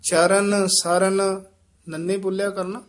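A man teaching scripture recitation, reading lines slowly and carefully, then adding quick, quiet corrections on pronunciation and pauses. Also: high voice, flat delivery. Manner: slow, careful recitation, then quick soft explanatory asides.

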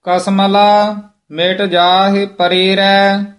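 High-voiced man reciting very slowly. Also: level tone, a bit bright. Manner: slow measured chant-like reading. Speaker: student reciter. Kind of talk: scripture recitation lesson.

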